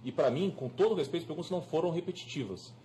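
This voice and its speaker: A man's voice: a little high, expressive, rapid-fire, warm tone, slight background noise. A man with a Brazilian Portuguese accent, a defense lawyer arguing urgently but with formal politeness to be heard. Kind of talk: courtroom argument.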